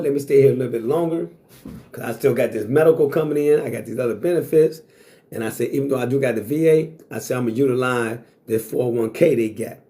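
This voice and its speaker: A man's voice: medium pitch, mellow. A man in his sixties speaking in a blunt, boastful monologue to camera, swearing freely and repeating himself. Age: 60s. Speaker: vlogger.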